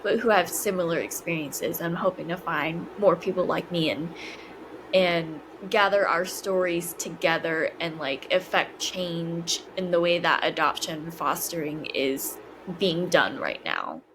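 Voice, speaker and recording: A woman's voice: on the low side, unhurried, a bit bright, slight background noise, poor audio. A woman in her twenties, a podcast guest, talking hesitantly with many fillers and restarts. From China. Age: 20s. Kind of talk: casual interview conversation.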